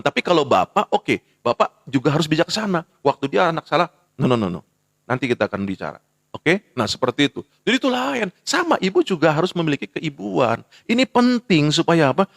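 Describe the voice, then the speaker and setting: A man preaching a morning sermon on a live stream, talking in a lively way and acting out what mothers and children say. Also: fairly high pitch, vocal fry, no echo, studio quality. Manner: animated preaching, acts out quoted mothers and children. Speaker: pastor. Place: live social media broadcast.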